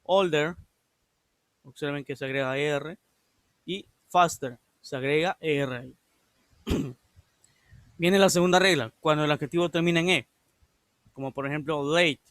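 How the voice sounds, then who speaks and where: A man's voice: a little high, normal speed, long pauses, fairly bright tone, no room sound. Patient man teaching grammar rules. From Ecuador. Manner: patient, repeats rules step by step. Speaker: English teacher. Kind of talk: recorded class lesson.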